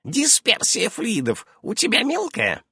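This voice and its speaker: A high, shrill old witch, as a man puts her on for an audiobook. She is fussy and brisk, firing questions and cutting in, her voice swooping up and down. A husky, dry sound runs under it. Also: wildly swooping pitch, pushed and bright, dry recording, full character voice. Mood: brisk, prying. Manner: shrill, darting, interrupting. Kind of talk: audiobook character voice.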